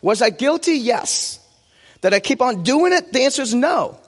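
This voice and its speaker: Speaking at normal speed in a very high, expressive voice, a U.S. preacher in his forties whose first language is Vietnamese delivers a conversational sermon. He tells personal anecdotes and answers his own questions. A long hall reverb trails his words.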